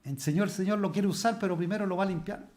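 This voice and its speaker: A fairly high-pitched man preaches a Bible study, posing rhetorical questions to his listeners. When he reads scripture he slows down and stresses each phrase. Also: darkish tone. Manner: slows down and stresses words when reading verses. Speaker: pastor.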